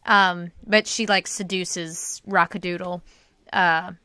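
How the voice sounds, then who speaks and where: A woman hosting a podcast, telling rambling animated stories in casual chat. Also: on the low side, takes it slowly, clear, resonant tone, dry recording. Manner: animated, rambling storyteller, breaks into singing. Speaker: podcast host.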